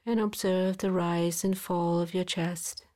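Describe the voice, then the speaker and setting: A woman guiding a body-scan relaxation in a soft, calm voice, sometimes dropping into a whisper, with long pauses. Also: on the low side. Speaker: meditation guide.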